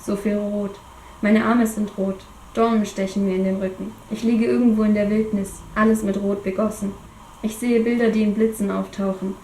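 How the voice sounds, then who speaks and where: A woman reading her own novel aloud in the first person, still getting over a cold, dropping to a hush in the tense moments. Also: medium pitch, little pitch movement, normal speed, roomy sound, slight background noise, rough recording. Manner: reads dramatically, drops to a hush in tense moments. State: has a cold.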